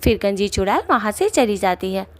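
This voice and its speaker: A woman's voice: mid-range voice, animated, brisk. A woman giving plain scripted narration for a cartoon story.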